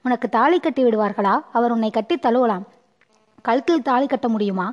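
Anxious young courtesan pleading with herself, slightly high, lo-fi audiobook; woman narrator voices her. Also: lively intonation, moderate pace, in a large hall, lightly acted. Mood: longing. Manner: pleading inner monologue. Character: lovesick young courtesan girl, anxious and self-doubting.

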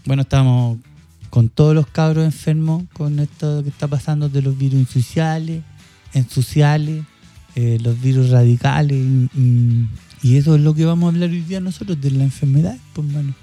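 A man's voice: fairly high pitch, fairly even intonation, normal speed, dark tone, soft background music. A Chilean man co-hosting a podcast, chatting and joking loosely with plenty of slang. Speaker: podcast co-host. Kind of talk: casual chat.

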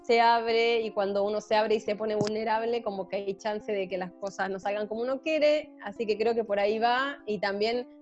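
Chatting casually with friends, this band member introduces herself in a medium-pitched, slightly mellow voice with a Chilean Spanish accent. She's a talkative, self-deprecating Chilean woman who uses plenty of fillers. Faint guitar plays behind her, and the audio sounds slightly muffled.

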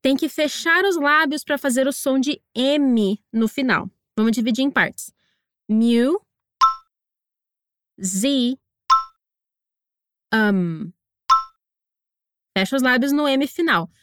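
A woman hosting an English lesson, encouraging and slowing down to drill pronunciation. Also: sits high, animated, fairly bright tone, no echo, clean studio sound. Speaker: English teacher and podcast host. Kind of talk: scripted language lesson narration.

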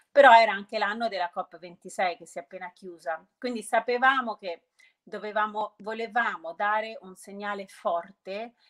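Female interview guest, medium pitch, halting and rephrasing as she explains, peppering answers with English jargon. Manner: hesitant, often restarting and rephrasing mid-sentence; mixes English business terms into Italian. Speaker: interview guest, sustainability entrepreneur.

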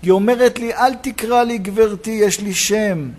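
A rabbi preaching a sermon in a synagogue, telling a personal story and acting out the dialogue. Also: male voice, high-pitched. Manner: animated storytelling, acts out dialogue.

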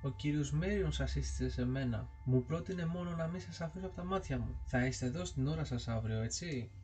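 A man voicing an anxious, earnest male painter in an audiobook ghost story, speaking a bit higher than his narration. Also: darkish tone, soft background music, lightly acted. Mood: pleading. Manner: pleading, then raised and calling out.

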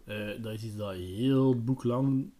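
A man's voice: lowish voice, slow pace, mellow. A man casually retelling a book as a podcast host, hesitant and full of fillers. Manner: hesitant, many fillers, chatty.

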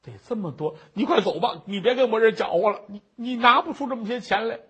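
A man voicing a poor middle-aged widow who sobs and pleads in drawn-out wails. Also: high voice, bright, forceful tone, slightly rough, heavily acted. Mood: weary telling.

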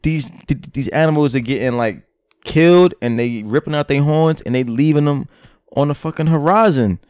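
Slangy animated man in casual chat. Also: a little high, normal speed, clear, resonant tone, no echo, studio quality. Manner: animated, slangy, swears, says "son" often.

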